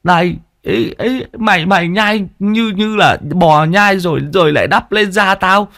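A man's voice: high voice, unhurried, a bit bright, voice pushed up. A man voicing a chatty, stammering young male sidekick who whines a lot in a spoken ghost story. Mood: cheeky.

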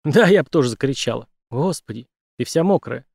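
A man voicing a brash, teasing woman roommate who talks quickly and bluntly. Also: medium pitch, lively intonation, creaky, darkish tone, no echo, clean studio sound.

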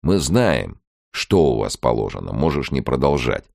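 A blunt, one-armed police chief, as a male audiobook reader puts him on. His voice sits a bit above the reader's very low, gravelly tone, with lively shifts in pitch. It is recorded close and dry. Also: measured pace, no room sound, full character voice. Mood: earnest.

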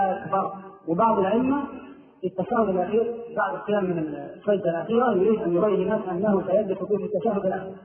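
A man with an Egyptian Arabic accent, a sheikh giving a religious lesson on prayer. He explains step by step and often sings out the phrases he corrects. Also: high voice. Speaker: sheikh teaching prayer rules. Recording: echoey, distant, tinny phone-like sound.

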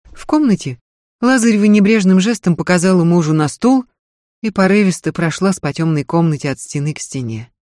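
A man reading a novel aloud in measured, even narration. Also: sits high, no echo, clean studio sound. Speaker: audiobook narrator.

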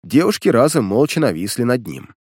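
A man calmly reading a first-person audiobook, narrating the story and the hero's lines. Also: mid-range voice, brisk, breathy edge, no room sound, studio quality.

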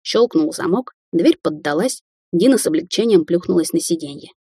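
A woman narrating an audiobook in a steady, even storytelling manner. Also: on the low side, moderate pace, breathy edge, dry recording, clean studio sound.

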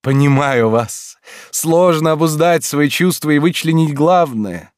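A man's voice: on the high side, expressive, a little slow, dry recording, voice pushed up. A man voicing a dreamy, eccentric middle-aged male art teacher who drawls each word blissfully.

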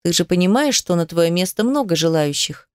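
A woman voicing a middle-aged female ballet company director who speaks in a measured, quietly pressing way. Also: lowish voice, expressive, clear, resonant tone, dry recording, clean studio sound, lightly acted. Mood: stern.

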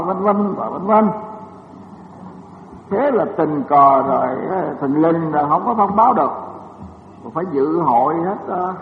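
An older man, a Buddhist monk, giving a rambling dharma lecture with many fillers and self-deprecating asides in a temple lecture hall. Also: a little high. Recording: tinny lo-fi, echoey hall, faint hiss.

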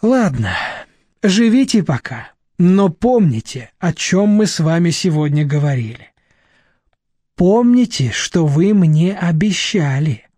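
A man voicing a stern, shrewd middle-aged woman who speaks slowly and cuttingly. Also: on the high side, sing-song, mellow, no echo, heavily acted. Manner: slow, cutting, steely.

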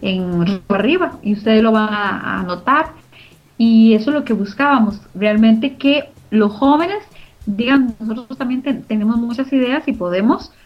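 The interviewee, a middle-aged co-founder of a community radio organization, has a Costa Rican Spanish accent and a fairly high voice at a moderate pace. Her answers are earnest and emphatic, with repeated phrases for emphasis, heard through muffled lo-fi audio with background music.

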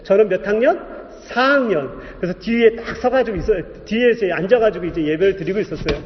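A man in his thirties, a pastor preaching a testimony, telling his story in an animated way and acting out the voices in it. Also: high voice, fast talker, slight background noise. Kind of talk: sermon testimony. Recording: dull echoey hall recording.

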